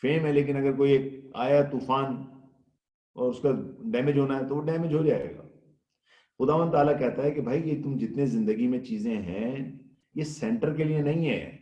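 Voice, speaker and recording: A man giving a Ramadan sermon in a lively storytelling manner, acting out the voices he quotes. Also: mid-range voice, lo-fi sound. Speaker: Islamic scholar giving a Ramadan lecture. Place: Ireland. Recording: echoey room.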